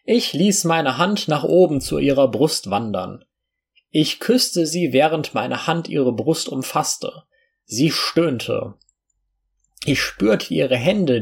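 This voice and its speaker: A man narrating a first-person story as an audiobook, reading in an unhurried way with small slips and restarts. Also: fairly high pitch, vocal fry, slightly rough.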